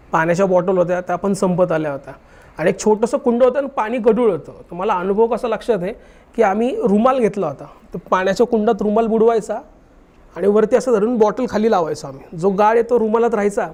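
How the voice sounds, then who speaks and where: A young man telling a haunted story in casual chat, acting out the dialogue animatedly. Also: sits high. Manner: animated, acts out dialogue in his retelling. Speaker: guest telling a true ghost story.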